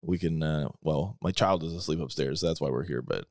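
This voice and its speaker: A man co-hosting a podcast from his kitchen, making deadpan jokes and laughing often. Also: a bass voice, fairly quick, no room sound, studio quality. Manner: deadpan joking, giggly. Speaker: podcast co-host. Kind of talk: casual podcast chat. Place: home kitchen.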